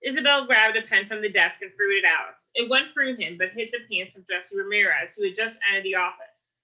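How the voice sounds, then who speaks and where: Steady female reader narrating a novel aloud; bright, mid-pitched voice. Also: a little fast, poor audio. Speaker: book reader.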